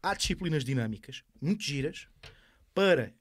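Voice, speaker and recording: In a small foam-padded podcast studio, a close mic catches a fairly high, breathy-edged, animated voice at normal speed with no room sound. The speaker is a sport shooter in his thirties with an Alentejo Portuguese accent, casually explaining things with examples as a guest.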